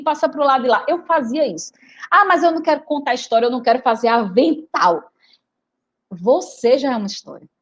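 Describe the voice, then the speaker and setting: A teacher from Recife gives a storytelling talk and speaks straight to her audience. Her voice sits high and swings widely in pitch. She sounds chatty and expressive throughout. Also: muffled recording. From Recife, Brazil. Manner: animated, chatty, addresses audience directly. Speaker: teacher and writer giving a talk. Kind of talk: lively storytelling lecture.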